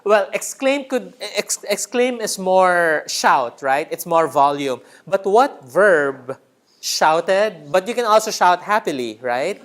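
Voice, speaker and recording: A man's voice: sits high, animated, slow pace, a bit bright. A man training a writing workshop in a room, teacherly, repeating key words and checking in with the group. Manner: teacherly, checks in with "right?" often.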